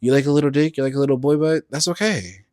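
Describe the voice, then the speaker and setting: A campy man hosts his podcast alone on a close mic. His voice leaps from high squeals to low murmurs, and the dry, close sound has almost no room in it. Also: fast talker, no echo. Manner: campy, playful, swings between loud squeals and low murmurs. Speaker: podcast host. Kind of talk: solo podcast monologue.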